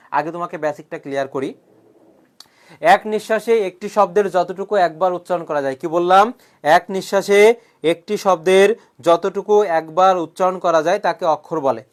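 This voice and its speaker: A male coaching teacher giving an online grammar lecture, drilling students with repeated questions and answers, joking with threats and often clearing his throat. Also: a little high. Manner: jokingly threatens students who have not shared the class.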